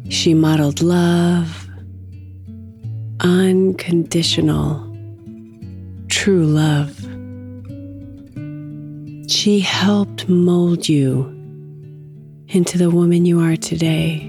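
Casting: female meditation host, low-pitched and very unhurried, soft soothing delivery. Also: fairly even intonation, faint music behind. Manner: soft, soothing, with long pauses. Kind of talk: guided meditation narration.

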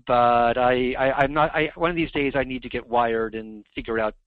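A man's voice: medium pitch, steady tone, normal speed, dry recording. Male guest heard over a landline phone, dull dry sound, easygoing and self-deprecating. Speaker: guest author. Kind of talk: casual interview chat. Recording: muffled landline phone line.

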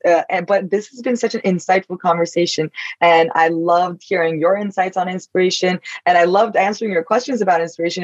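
A woman's voice: on the low side, no room sound, lo-fi sound. Thoughtful woman. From Turkey. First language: Turkish. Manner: thoughtful, searching for words. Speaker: podcast host. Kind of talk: casual podcast conversation.

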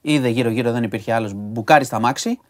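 A man talks through the day's news in a relaxed podcast chat. He recaps stories for a co-host, pausing on fillers and throwing in offhand asides. His voice sits at an everyday middle pitch.

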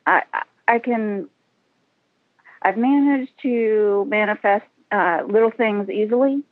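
Calling a radio show, this woman speaks slowly at a medium pitch with no echo, holding the phone to her mouth, and the line sounds tinny. Weary and hesitant, she says things more than once.

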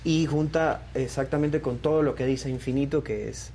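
A man's voice: mid-range voice, normal speed, gravelly, dark tone, slight background noise. A young man from Ecuador, a singer being interviewed, talking casually with many fillers and restarts. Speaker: guest singer.

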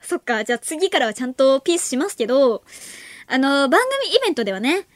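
A woman's voice: high-pitched, animated, quick pace, no echo. A woman in her late teens hosting a late-night radio show, chatting casually and reading listener mail, giggling often between remarks in a studio. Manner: chatty, playful, talks to listeners directly. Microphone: studio microphone.

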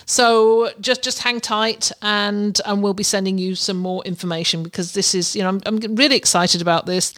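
Female podcast host, middle-aged, medium pitch. Effusive, personal, unscripted address straight to the listener. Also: fairly bright tone.

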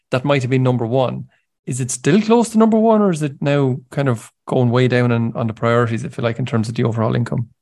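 A man's voice: mid-range voice, a little mellow. A man interviewing in a conversational way, thinking aloud in roundabout sentences. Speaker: interviewer, host.

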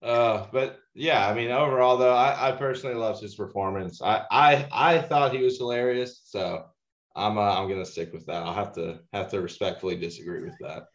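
A man's voice: medium pitch, normal speed. A man co-hosting a casual film podcast, arguing in a playful, jokingly defensive way. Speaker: podcast co-host. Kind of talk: casual movie review chat. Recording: dull, echoey room.

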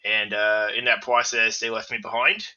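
A bitter, distrustful android teddy bear, as a man puts him on for a tabletop game, talking with a lisp in a gruff adult voice. The tone is very bright and edgy, and he stalls on ums between phrases. The recording is lo-fi and muffled. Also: on the low side, flat delivery, normal speed, slight background noise. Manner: hesitant, many fillers. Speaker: player. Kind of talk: tabletop role-play character voice.

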